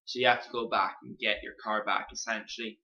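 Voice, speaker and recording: A man's voice: lowish voice, steady tone, fairly quick, bright, forceful tone. A young man co-hosting a casual gaming podcast, talking plainly and loosely. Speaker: podcast co-host. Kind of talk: casual chat. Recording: muffled lo-fi mic.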